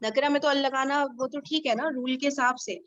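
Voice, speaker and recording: A woman's voice: high-pitched, steady tone, fairly bright tone, dry recording, lo-fi sound. A woman from Pakistan leading an online Arabic grammar study group, explaining patiently and often checking that everyone understands.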